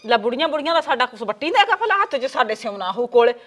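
A woman's voice: high-pitched, very animated, quick pace, a bit bright, exaggerated voice. A woman playing a bossy older mother-in-law in a village family, talking bluntly and scolding, with a Punjabi village accent. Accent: Punjabi village speech.

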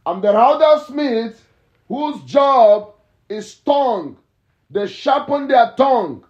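A male pastor delivers a fervent morning sermon with heavy repetition and sudden shouts. His voice sits very high and he drags out each phrase slowly. The recording is echoey and dull, like a lo-fi room capture. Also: lively intonation.

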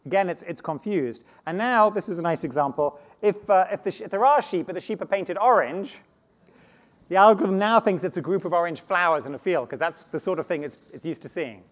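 A man giving a conference talk on slides, animated and often restarting words, speaking to a live audience. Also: high-pitched, a little fast. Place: conference stage before an audience.

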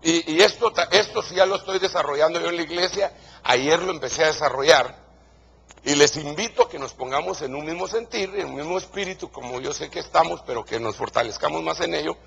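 Husky Guatemalan preacher man. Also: a little high, fairly quick, fairly bright tone. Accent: Guatemalan Spanish. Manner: emphatic, repeats key phrases. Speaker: pastor. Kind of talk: sermon.

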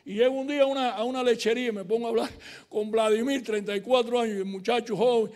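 High-voiced older man lecturing. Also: fast. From Cuba. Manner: storytelling, animated, acts out dialogue. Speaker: university lecturer giving a keynote. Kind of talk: conference lecture with anecdotes.

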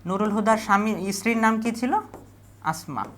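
A woman teacher with a Bangladeshi Bengali accent, leading an exam revision lesson, asking questions and repeating the answers slowly. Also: medium pitch, slight background noise.

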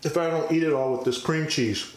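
A man's voice: fairly high pitch, steady tone, a little fast, reverberant, rough recording. A man hosting a home baking vlog, chatting and humming as he eats, sometimes with his mouth full. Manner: eats on camera while talking, with mouth full, many appreciative hums; chatty and self-deprecating. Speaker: home baker, channel host. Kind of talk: casual cooking vlog sign-off.

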